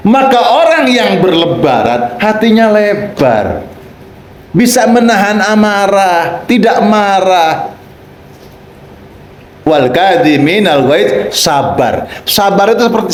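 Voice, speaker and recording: A man's voice: high-pitched, echoey room, slight background noise. A man giving a playful sermon, acting out little dialogues and raising his voice for emphasis. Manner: playful, acts out quoted voices, rising to shouts for emphasis. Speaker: Islamic preacher. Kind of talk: lively sermon with acted dialogues.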